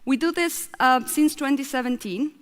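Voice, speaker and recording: A woman from Argentina who heads a science nonprofit gives an earnest, explanatory conference talk at a measured pace. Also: sits high. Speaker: festival speaker, head of a science nonprofit. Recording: long hall reverb.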